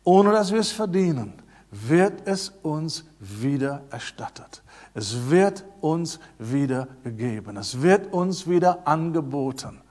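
A middle-aged man preaching a sermon, emphatic and repetitive, swinging between loud passages and soft, low asides. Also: lively intonation, takes it slowly.

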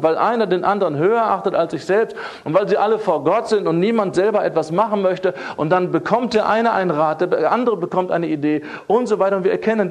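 A man delivers a sermon in a high-pitched voice. He speaks emphatically, circling back to key phrases and pressing them home. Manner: emphatic, repeats key phrases, fillers and restarts. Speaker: preacher.

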